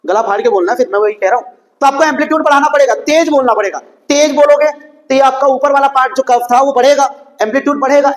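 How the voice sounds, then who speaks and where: A man's voice: very high voice, rough recording. A man teaching a school science lesson, asking questions and answering them himself, with English textbook phrases mixed into his explanations.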